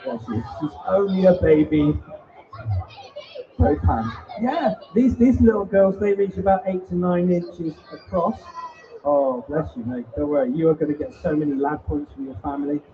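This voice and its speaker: A high-voiced man cracks jokes and teases children in the crowd as he shows off spiders at a live indoor bug show. He is picked up from some distance by a muffled mic, with a faint hum of room noise underneath. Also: normal speed. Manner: jokey, teasing banter with the crowd. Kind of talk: live show talk to a family audience. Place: indoor event hall.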